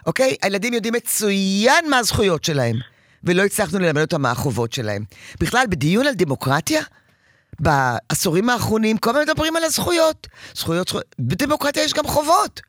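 A woman counseling a parent in an emphatic, animated advice session. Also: medium pitch, no room sound, clean studio sound.

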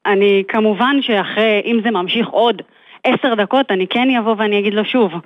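A woman on a tinny phone line asking for parenting advice, hesitant and full of small pauses. Her voice is mid-pitched. The sound is dry. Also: fairly even intonation, dry recording. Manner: hesitant, many fillers. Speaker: mother seeking advice. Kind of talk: consultation call.

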